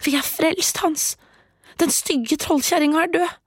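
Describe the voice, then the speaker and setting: A woman voicing a little girl in a fairy tale, speaking in a high, tearful, pleading way. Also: little pitch movement, vocal fry, darkish tone, dry recording, clean studio sound. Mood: overjoyed.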